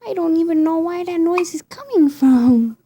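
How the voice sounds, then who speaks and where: A woman voicing her newborn baby girl, who is puzzled by her own hiccups, in high playful baby talk. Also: moderate pace, warm tone, no echo.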